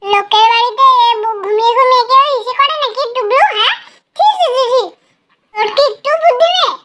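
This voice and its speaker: [name], a woman doing a shrill bossy little girl. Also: brisk, pushed and bright. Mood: scolding. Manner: scolding, giggling, shrill outbursts. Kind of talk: doll cartoon voice acting.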